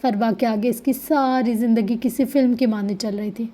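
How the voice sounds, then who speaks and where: A woman reading a dramatic romance novel aloud in a steady storytelling manner. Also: a little high. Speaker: novel reader.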